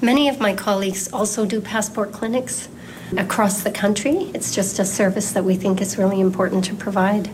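A woman's voice: medium pitch, fairly even intonation, fairly quick, noisy background. A woman politician in an interview clip, explaining things in a matter-of-fact way.

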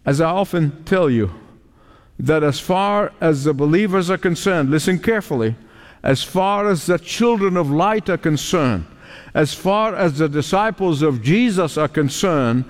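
A man preaching a sermon in a fervent, pleading manner, with emphatic repetition and dramatic pauses. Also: fairly high pitch, animated. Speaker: preacher, pastor. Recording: reverberant large hall.

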